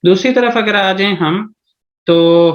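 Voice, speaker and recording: A man's voice: high-pitched, takes it slowly, muffled recording. Pakistani man teaching an online lesson. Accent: Pakistani Urdu. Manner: explains step by step, repeats "theek hai ji". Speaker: language teacher. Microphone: video call.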